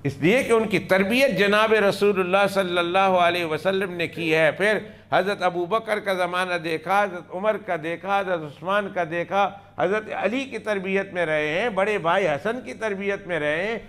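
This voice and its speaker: High-voiced man giving an emphatic religious lesson. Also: moderate pace, hardly any pauses, fairly bright tone. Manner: emphatic, repeats key phrases; acts out quoted dialogue.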